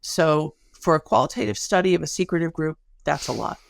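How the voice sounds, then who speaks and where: Speaking a bit fast in a low, creaky voice, this woman is animated as she appears as an interview guest. Her account of her research unfolds like a story, full of offhand remarks and colorful language. There's no room sound at all; the audio is completely dry.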